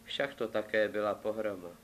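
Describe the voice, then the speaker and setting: A man's voice: fairly low pitch, steady tone, a bit bright, slight background noise. Man reading a fairy tale aloud. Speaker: storyteller.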